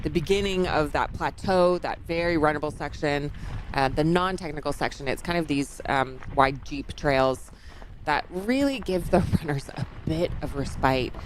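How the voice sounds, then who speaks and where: A woman's voice: low-pitched, normal speed, a little hiss or hum. A woman commentating a live trail race, chatty and drawing on her own racing, laughing now and then.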